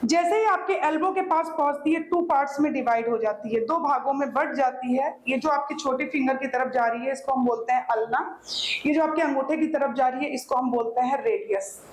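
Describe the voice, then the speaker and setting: Woman teacher with a Hindi accent, high-pitched, repeats and checks understanding, recorded in an echoey classroom with faint ambience. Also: fairly quick. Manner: points to own body while explaining. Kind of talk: classroom lecture on the skeleton.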